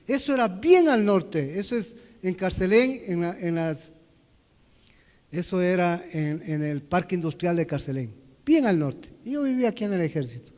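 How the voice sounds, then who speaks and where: A man preaching a personal testimony, swinging from loud to hushed as he tells the story. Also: high voice, animated, normal speed, big-room sound. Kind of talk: sermon testimony. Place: church hall.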